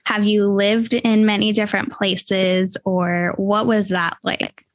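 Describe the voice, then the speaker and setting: A woman's voice: medium pitch, little pitch movement, takes it slowly, no room sound. A woman hosting a podcast interview, upbeat and chatty with lots of fillers. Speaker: podcast host.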